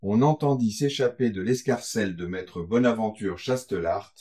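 A man narrating a literary novel as an audiobook in a measured, deliberate manner. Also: lowish voice, warm tone, breathy edge.

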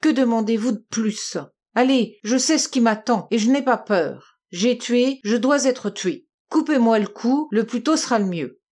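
A woman's voice: on the high side, lively intonation, measured pace, hardly any pauses, a little mellow. A woman reading aloud and voicing a despairing male murder suspect in his thirties who bursts into rage. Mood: raging.

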